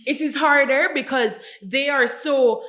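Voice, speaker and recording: A woman with a Jamaican accent, a podcast guest telling stories in a casual, animated way with many restarts. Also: high voice, measured pace. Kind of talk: casual chat.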